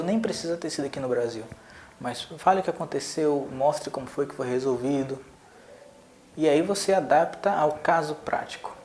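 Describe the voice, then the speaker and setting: An emphatic man teaches public speaking straight to the camera, repeating phrases to drive points home and shifting pitch and pace. His voice carries a roomy echo, with faint ambience underneath. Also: a little hiss or hum. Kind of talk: direct-to-camera lesson. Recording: echoey room with faint ambience.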